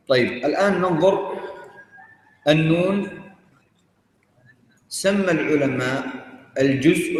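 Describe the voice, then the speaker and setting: A man teaching Quran recitation, sounding out letters one by one and quizzing his students as he explains. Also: on the high side. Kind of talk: tajweed lesson to students. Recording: very echoey hall, faint noise.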